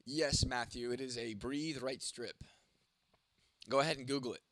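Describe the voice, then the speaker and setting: A man's voice: medium pitch, normal speed, a bit bright, no echo. Profane young man answering his stream chat. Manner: profane, rambling, answers chat comments by name. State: sore throat, coughing. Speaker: livestream host reading chat. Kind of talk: casual livestream chat.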